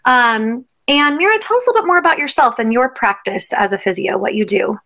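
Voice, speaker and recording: A woman's voice: on the high side, animated, fairly quick, bright, forceful tone. An American woman chatting casually as a podcast co-host, recorded at home in a bedroom.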